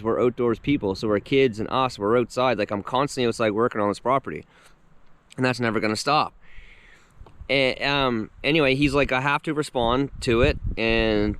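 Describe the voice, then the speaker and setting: A man in his thirties tells a story to the camera outdoors, his voice mid-pitched and lively as he acts out what others said. Faint background noise sits under his voice. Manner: animated retelling, acting out quotes. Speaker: vlogger. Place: outdoors on his rural property with his dogs.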